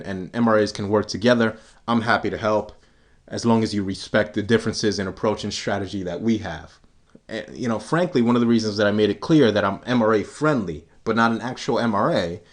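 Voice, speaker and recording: A man with a somewhat low voice delivers a scornful, sarcastic rant straight to his viewers. He mocks his targets with dry chuckles and drags out key phrases for emphasis. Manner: mocking, contemptuous, with scornful chuckles; emphatic, slows down for punchlines. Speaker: vlogger. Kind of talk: sarcastic ranting monologue.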